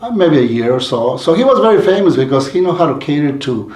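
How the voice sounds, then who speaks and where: A man's voice: fairly high pitch, very animated, fast talker, darkish tone. A man from Mexico telling his life story in an interview, rambling with many restarts and fillers. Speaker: community leader guest. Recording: roomy echoey sound.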